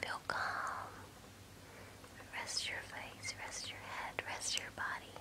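A woman in her twenties in a whispered role-play as a sleepy, affectionate girlfriend, soothing and intimate, speaking close to the mic. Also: slow. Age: 20s. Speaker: ASMR performer. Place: small bedroom, indoors. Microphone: close to the mouth. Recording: clear background hiss and ambience.

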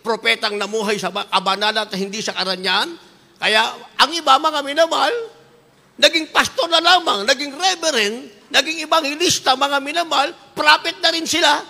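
A woman's voice: sits high, steady tone, moderate pace, gravelly, bright, forceful tone, long reverb tail. A woman preacher giving an impassioned sermon, fervent and repetitive, slipping between languages. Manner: fervent, repeats "beloved" refrain, switches into English.

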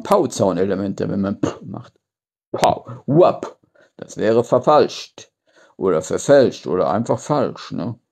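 Middle-aged man demonstrating backwards speech, swooping pitch. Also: creaky, mellow. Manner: speaks words backwards on the spot, playful nonsense wordplay. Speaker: live-stream performer of backwards speech. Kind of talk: casual live chat with demonstrations of backwards speech. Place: small room at home, indoors. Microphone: phone at arm's length.

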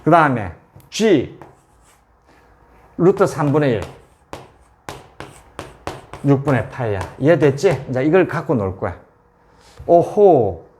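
A man with a fairly high, darkish voice tutors calculus at a board. He keeps repeating values and checking that his students are with him in this whiteboard lesson.

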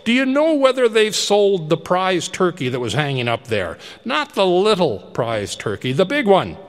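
An impassioned old miser cries out in a raised, lively voice, as a man reads him aloud. The pitch swings widely and the voice rings through a long, echoing reverb. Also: a little slow. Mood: giddy, joyful. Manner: impassioned, exclamatory.

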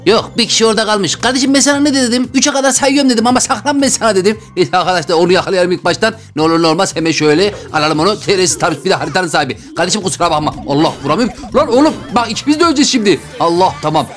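Hyped guy yelling through a game, talks quick, bit of game music under it. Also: high-pitched. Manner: excitable, loud, slangy, talks to viewers. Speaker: gaming YouTuber. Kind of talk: excited Let's Play commentary. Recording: faint game music behind.

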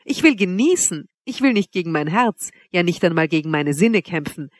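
A woman's voice: on the low side, lively intonation, moderate pace, dry recording. A woman reading an audiobook, voicing a haughty young noblewoman who teases her suitor with cool mockery. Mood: cold. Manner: teasing, coolly mocking. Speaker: princess Wanda.

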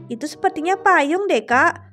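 A calm, polite little sibling, voiced by a woman, answers softly in a somewhat lowered voice. There is faint music behind the role-play drama. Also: moderate pace, full character voice. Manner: soft, polite replies to her sibling.

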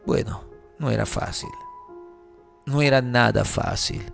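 A man giving an emotional personal testimony in a halting, earnest way, with many fillers and tag questions. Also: mid-range voice, vocal fry, faint music behind. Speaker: testimony speaker.

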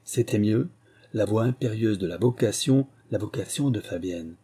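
A man reads a novel aloud in a measured, literary storytelling way. His voice is mellow and dark-toned with a light husk. Steady, even narration. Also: lowish voice, slightly rough. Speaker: audiobook reader. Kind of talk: scripted narration.

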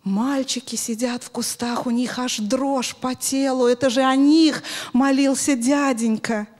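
A middle-aged woman teaching children through an interactive story, expressive and instructive, often putting questions to them, speaking into a handheld microphone in a hall. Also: sits high, a little slow. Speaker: children's Sunday school teacher. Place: large bright church hall with audience of children.

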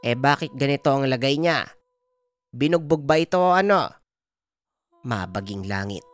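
A man's voice: mid-range voice, animated, pitched above the performer's own voice, close to an everyday voice. A man playing a stern old healer woman. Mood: commanding. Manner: brisk, giving orders.

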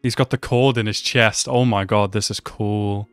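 A young man reacting to an anime episode at home, talking excitedly and exclaiming often. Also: lowish voice, moderate pace, clear, resonant tone, no room sound, faint music behind. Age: young adult. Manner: animated, exclaims and laughs often. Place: small room at home.

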